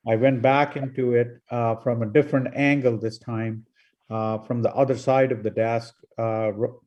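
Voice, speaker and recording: An older man, a company chief executive, calmly recounting his career on a panel over a video call. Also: mid-range voice. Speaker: CEO and panelist. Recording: dull lo-fi audio.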